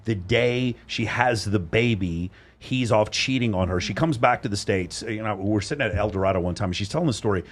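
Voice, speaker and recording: A man's voice: fairly low pitch, brisk. A man on a podcast panel talking bluntly and emphatically, with frequent swearing, recorded in a studio. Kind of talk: casual panel discussion. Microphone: studio microphone.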